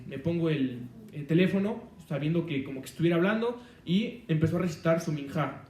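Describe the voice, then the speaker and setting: A man's voice: on the high side, dark tone, roomy sound, recorded from a distance. A man preaching a sermon on the weekly Torah portion, rambling, with many fillers and restarts.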